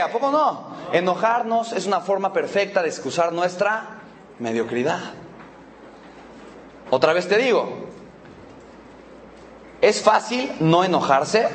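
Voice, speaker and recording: A man's voice: high voice, big pitch swings, slow, pauses often. A man with a Mexican accent leading a motivational seminar, teasing the audience with rhetorical questions. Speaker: motivational speaker.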